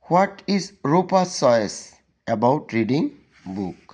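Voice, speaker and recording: Slow, patient Bengali teacher, man. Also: on the high side, sing-song, a little mellow. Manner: slow, drawn-out word-by-word reading of English examples. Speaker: English teacher. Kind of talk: classroom lesson explanation.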